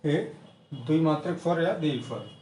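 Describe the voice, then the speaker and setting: A man teaching an exam-prep grammar lesson, repeating each definition slowly and methodically. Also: on the high side, a little mellow, reverberant, far from the mic. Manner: repetitive, drills definitions slowly.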